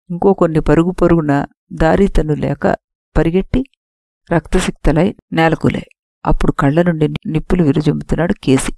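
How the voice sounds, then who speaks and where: Gravelly woman storyteller. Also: low-pitched, mellow, dry recording. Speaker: narrator. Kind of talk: audiobook storytelling.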